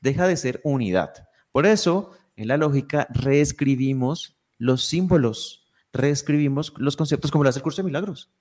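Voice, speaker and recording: A man's voice: medium pitch, moderate pace, a little mellow. A man speaking as a guest in a podcast conversation, explaining ideas reflectively with frequent restarts.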